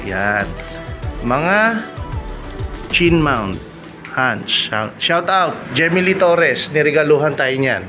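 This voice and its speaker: A middle-aged Filipino man with a fairly high voice hosts a motovlog from an intercom accessory shop. He chats casually, often addresses viewers and gives shout-outs, while loud music plays behind him.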